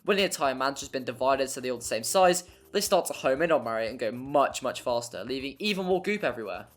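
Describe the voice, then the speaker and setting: Speaking fast and expressively in a mid-range voice, a narrator reads a scripted video game review with music in the background. It's wry, over-the-top, and mildly profane.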